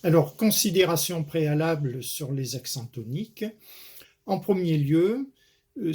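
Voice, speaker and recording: A man giving a measured spoken lesson on poetry, pausing often with hesitation fillers. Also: on the high side, creaky, a little mellow. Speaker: poetry lecturer and author-declaimer.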